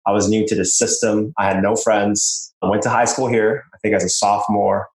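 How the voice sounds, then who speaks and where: A young man from Malaysia, a business owner, talking in a relaxed interview with lots of fillers and short laughs. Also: on the low side, a little fast. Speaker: podcast guest, business owner. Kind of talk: casual interview. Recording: roomy echo.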